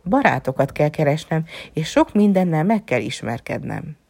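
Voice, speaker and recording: A curious little boy prince , as a woman plays him asks eager questions in a lifted but breathy voice. The storybook reading sounds close and dry. He is earnest and open. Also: deep voice, sing-song, a little mellow, dry recording, exaggerated voice.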